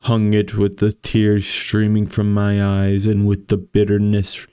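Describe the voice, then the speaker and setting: A man with a gravelly voice reads a horror story aloud as a streamer, with casual, foul-mouthed commentary. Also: on the low side, monotone, measured pace, dark tone, no room sound, studio quality.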